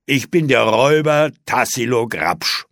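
Guy doing a cocky storybook robber, loud and boastful, bright voice. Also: medium pitch, lively intonation, unhurried, no room sound, clean studio sound. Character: brash greedy male robber, grown man.

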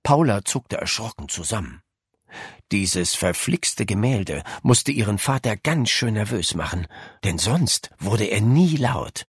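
A man narrating a children's audiobook in a lively, expressive way. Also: fairly low pitch, a little slow, breathy edge, dry recording, clean studio sound.

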